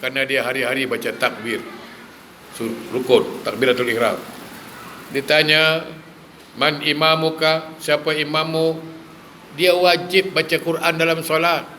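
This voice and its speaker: A male preacher gives a lively sermon, firing rhetorical questions at his listeners and mixing in humor. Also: fairly high pitch, measured pace, long pauses, slight background noise. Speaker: religious preacher.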